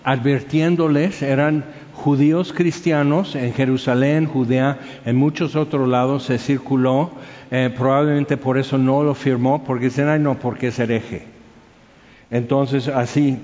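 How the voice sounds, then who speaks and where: A man's voice: medium pitch, fairly even intonation, moderate pace, darkish tone. A man preaching a sermon, telling stories in a conversational way and asking the congregation questions. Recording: dull sound with long hall reverb.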